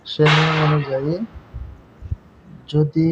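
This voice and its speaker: Patient man teaching, flat delivery. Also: on the high side, takes it slowly. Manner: patient, repeats points, checks understanding. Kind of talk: explaining a grammar lesson. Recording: dull lo-fi recording with faint noise.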